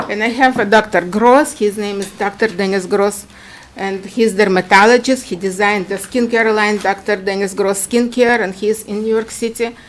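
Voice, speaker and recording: A middle-aged woman from Ukraine with a Ukrainian accent, giving chatty, halting testimony full of fillers at a standing microphone in a town meeting. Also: mid-range voice, steady tone. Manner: chatty, halting, many fillers, laughs easily. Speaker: applicant at a public hearing.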